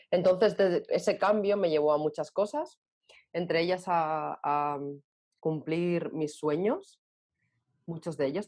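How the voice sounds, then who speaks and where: Woman, 40s, deep for a woman, thoughtful interview guest. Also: a little mellow. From Barcelona, Spain. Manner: thoughtful, searching for words with many pauses and restarts. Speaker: guest author. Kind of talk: reflective interview answers.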